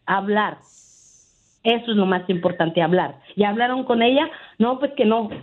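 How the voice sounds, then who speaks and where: A woman calls in to a radio show and tells a story in a chatty way, tagging her sentences with "¿verdad?". Her fairly high voice comes through a thin, tinny phone line. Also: fairly quick. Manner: chatty, keeps saying "¿verdad?". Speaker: radio caller. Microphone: telephone.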